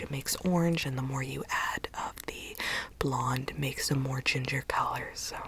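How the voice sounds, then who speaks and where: In a gentle ASMR role-play, a woman plays a consultant explaining things to a client, whispering breathily with no voicing. Her whisper sits low, and there is noticeable background noise.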